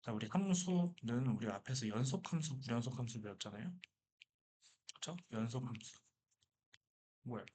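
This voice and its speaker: A man's voice: medium pitch, normal speed, pauses often, a little hiss or hum. A man teaching a math lecture who keeps asking questions and answering them himself. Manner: lively, asks and answers his own questions.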